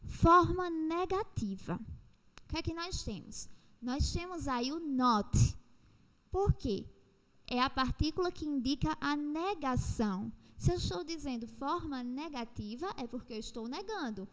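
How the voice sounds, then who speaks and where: A woman with a Brazilian Portuguese accent explaining an English lesson step by step, repeating points and slowing down on the examples. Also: sits high, expressive, big-room sound. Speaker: teacher. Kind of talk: recorded online lesson.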